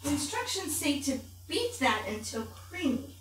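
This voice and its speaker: Playing Mrs. Claus, a middle-aged woman demonstrates a recipe to camera from her home kitchen, homely and chatty in a grandmotherly storybook manner. She speaks at a measured pace in a high voice with big pitch swings. A distant mic captures her in a very echoey space with faint room noise.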